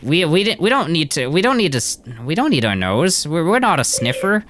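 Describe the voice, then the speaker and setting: A man's voice: a little high, very animated, brisk, background noise. A man streaming a horror game, reading the dialogue aloud with frequent laughs and stammered restarts.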